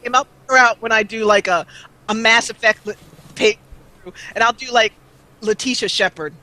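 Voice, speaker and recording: Appearing as an interview guest, a chatty let's player in her forties talks about her gaming channel in a bright, clear, fairly high voice at a moderate pace. She rambles, restarts, and fills gaps with ums, all through an old duct-taped mic that keeps cutting out.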